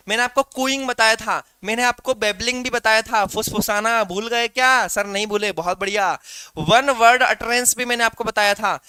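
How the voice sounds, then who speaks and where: A man's voice: sits high, pushed and bright, clean tone, no room sound. A male teacher giving a live online exam-prep class, explaining through rhetorical questions and calling his students "beta".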